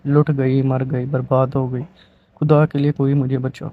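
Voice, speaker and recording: A sly, headstrong orphaned young woman from a romance story, as a male reader puts her on. She pleads and protests with a dramatic flair. The voice sits at a middling pitch, and the recording sounds a little dull. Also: little pitch movement, lightly acted. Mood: wailing.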